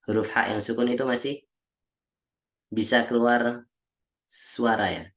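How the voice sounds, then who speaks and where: A male Quran recitation teacher giving a lesson on how Arabic letters are pronounced, slowly drilling syllables one by one and often clearing his throat, over a video call. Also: mid-range voice, steady tone, a bit bright. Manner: slow, patient, repeats each syllable aloud as a drill.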